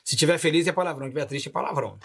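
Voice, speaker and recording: A man who is a pastor, telling a personal testimony on a podcast with animated delivery and frequent laughs. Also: on the high side, very fast, gravelly, husky. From Rio de Janeiro. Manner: animated storyteller, laughs often.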